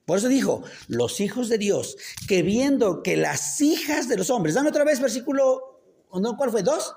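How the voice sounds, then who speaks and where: A man's voice: very high-pitched, sing-song, unhurried, a little mellow. A man preaching a casual sermon. He keeps quizzing the congregation with rhetorical questions and makes joking asides. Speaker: pastor. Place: church.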